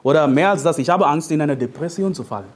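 Husky-voiced man preaching playfully. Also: on the high side, fast. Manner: playful, joking, animated sermon delivery with frequent "ja?". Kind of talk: sermon.

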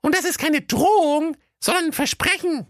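A man's voice: moderate pace, a bit bright, no room sound, clean studio sound. A man voicing a greedy, lazy, demanding wife who scolds her husband in a comic audio fairy tale. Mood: bossy. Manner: shrill, bossy, scolding.

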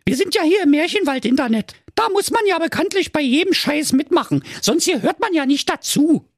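A man voicing a cheeky, flirty female Mettigel in a comic radio fairy tale, with a Berlin accent and a shrill, giggling falsetto. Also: sing-song, brisk, no echo, clean studio sound, exaggerated voice. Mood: giggly cheeky.

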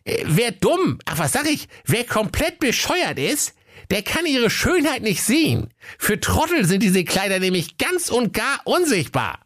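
A man voicing a cheeky, crooked shopkeeper with cocky sales patter in a very high, squeaky voice. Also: wildly swooping pitch, measured pace, fairly bright tone, heavily acted. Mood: salesy.

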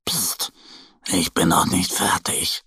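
A man's voice: fairly low pitch, big pitch swings, unhurried, vocal fry, pushed and bright, slightly rough, dry recording, clean studio sound, exaggerated voice. A man voicing a cheerful, dreamy little male bear cub in a children's storybook, with a friendly, playful manner.

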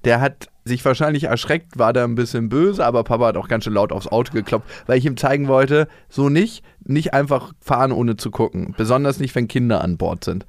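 A man's voice: medium pitch, brisk, hardly any pauses, no room sound, clean studio sound. A man, co-hosting a casual podcast chat and acting out the people in his stories. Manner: animated storyteller, acts out quotes in voices. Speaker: podcast co-host.

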